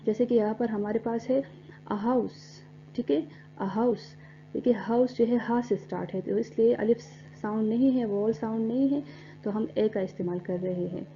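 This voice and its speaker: A woman teaching an English grammar lesson, explaining step by step and spelling words out letter by letter, reading English examples slowly. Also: on the high side, dark tone. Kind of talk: recorded classroom lecture. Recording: dull lo-fi recording with faint hum.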